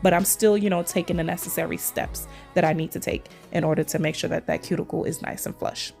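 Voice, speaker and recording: Talking fast in a lowish, steady voice with vocal fry and a slightly mellow quality, this Trinidadian nail vlogger narrates her video in a relaxed, chatty way and keeps saying "y'all." A sore throat has left her voice a bit scratchy with a lingering tickle, and faint music sits in the background.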